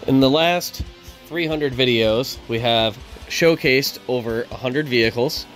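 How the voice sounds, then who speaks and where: A man's voice: mid-range voice, unhurried, fairly bright tone, faint music behind. Laid-back man hosting a car vlog. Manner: laid-back, self-deprecating, rambling with fillers. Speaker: channel host. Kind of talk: casual vlog narration.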